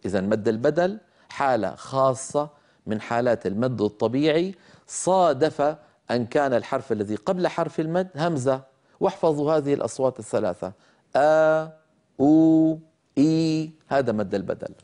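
A male teacher of Quran recitation giving a religious lesson in an earnest way, repeating key points and sounding them out slowly. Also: medium pitch, lively intonation, darkish tone. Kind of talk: religious lecture on recitation rules.

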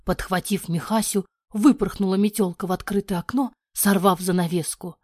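A woman narrating a fairy-tale audiobook in an expressive voice that often drops to a breathy near-whisper. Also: mid-range voice, moderate pace, dry recording, clean studio sound.

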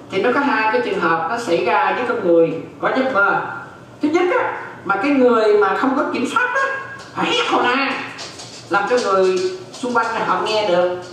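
A man's voice: high voice, sharp tone, slight background noise. A man teaching Buddhist doctrine as a monk, repeating phrases and often checking that his listeners follow. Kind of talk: dharma lecture. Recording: very echoey hall, distant mic.

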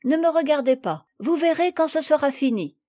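Bossy know-it-all little girl, woman doing it, highish voice, dry. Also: expressive, moderate pace, warm tone, no echo. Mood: confident. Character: boastful clumsy little girl.

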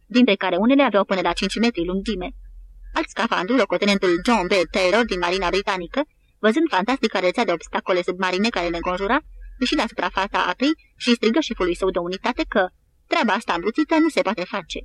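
Woman reading an audiobook. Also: mid-range voice. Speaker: audiobook narrator. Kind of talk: scripted narration.

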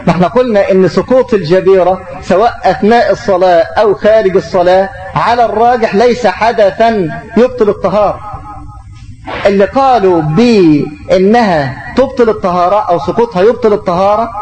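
A man's voice: high-pitched, darkish tone, rough recording. A middle-aged man with an Egyptian Arabic accent, teaching an Islamic lesson and taking questions, explaining through rhetorical questions.

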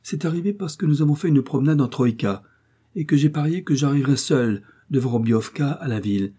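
A man's voice: mid-range voice, a little fast, mellow, breathy edge, pitched above the performer's own voice, lightly acted. A man voicing a charming young woman who pleads and teases playfully. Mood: coaxing. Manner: coaxing, pleading, teasing.

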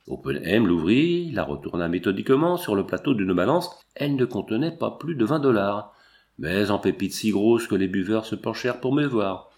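A man narrating a novel in an expressive, measured reading. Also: on the low side.

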